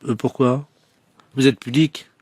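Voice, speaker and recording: A man making a prank phone call, speaking hesitantly with many pauses. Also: mid-range voice, steady tone, darkish tone, breathy edge, no room sound. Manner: hesitant, full of pauses and fillers. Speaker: prank caller.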